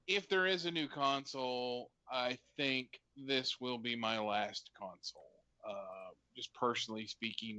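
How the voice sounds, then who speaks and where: Bright-voiced man in casual chat. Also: on the low side, no echo, highs cut off. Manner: relaxed, hesitant, lots of ums. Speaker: podcast co-host.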